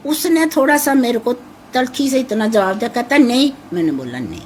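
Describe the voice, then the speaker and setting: The mother of a missing man, an older woman with a naturally harsh voice, speaks briskly and very animatedly on the high side, with a slightly mellow tone. In this emotional interview she's anxious and pleading and repeats herself, over a little hiss or hum.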